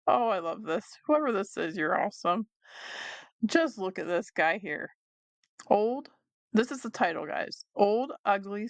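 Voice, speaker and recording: A chatty woman vlogger with a gravelly edge to her voice talks casually through a reseller recap. She is easily amused and laughs often. The sound is close and dry, with no room around it. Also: medium pitch, no room sound. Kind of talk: casual screen-share commentary.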